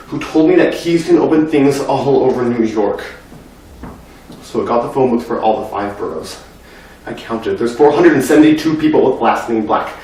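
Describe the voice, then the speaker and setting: A young man with a mid-range voice performs a dramatic monologue at a speech competition, lightly acted, playing a grieving, anxious, talkative boy. His delivery is earnest, intense, and determined, a breathless run-on telling that swells from hushed to loud. He's far from the mic in a very echoey room.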